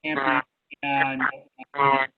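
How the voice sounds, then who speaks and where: A man's voice: mid-range voice, completely flat delivery, takes it slowly. A man chairing a conference call, talking hesitantly with many fillers over a crackly phone line that keeps breaking up.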